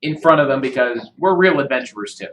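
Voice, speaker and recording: Man, dungeon master, relaxed narration, bright tone. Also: medium pitch, fast talker, a little hiss or hum, poor audio. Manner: relaxed, conversational narration with fillers. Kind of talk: narrating a tabletop game.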